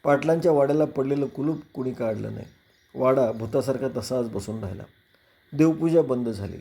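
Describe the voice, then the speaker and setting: A man reading a rural novel aloud in a measured, dramatic narrating style. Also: mid-range voice, vocal fry, warm tone.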